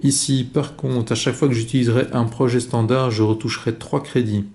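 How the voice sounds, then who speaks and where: A man calmly talking through his own board game turn, explaining each card and move step by step. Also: medium pitch, a little fast, vocal fry. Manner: calm, methodical, explains each move aloud. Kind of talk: solo board game playthrough commentary.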